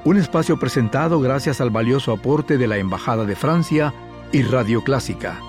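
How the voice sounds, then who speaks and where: A man's voice: medium pitch, normal speed, darkish tone. Male radio announcer over faint violin. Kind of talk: scripted program introduction. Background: faint violin music.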